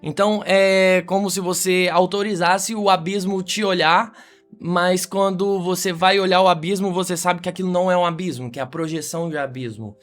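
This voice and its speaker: Brazilian male podcast host, reflective monologue, slightly raised pitch, faint music bed. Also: steady tone, moderate pace, fairly bright tone. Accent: Brazilian Portuguese.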